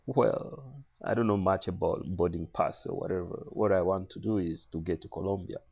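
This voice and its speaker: A man from Congo telling a comic travel story in a conversational, animated way with some fillers. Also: sits low, normal speed, vocal fry, breathy edge, lo-fi sound.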